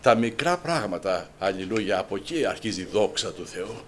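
An older man from Greece preaching an emotional sermon, swinging from hushed prayer to loud cries. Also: fairly low pitch, lively intonation, slight background noise.

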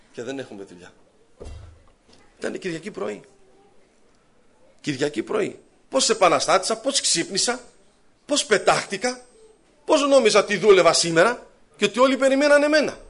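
A man's voice: a little high, fairly bright tone. A man preaching a sermon, telling his own story and voicing his thoughts and prayers. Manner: rising fervent pleading in prayer.

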